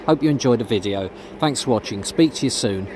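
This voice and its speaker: Filming on his phone as he walks around and inside a big football stadium, a vlogger chats away with lots of ums. His mid-range voice is expressive and a little fast, and the outdoor stadium recording is noisy.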